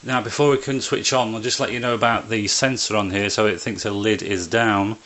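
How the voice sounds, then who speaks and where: Low-pitched man giving a hands-on tutorial. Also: fairly even intonation, a little fast, a bit bright. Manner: plain-spoken, step-by-step explaining. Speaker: presenter of a printer how-to video. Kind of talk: informal hands-on tutorial narration. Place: indoors beside a printer.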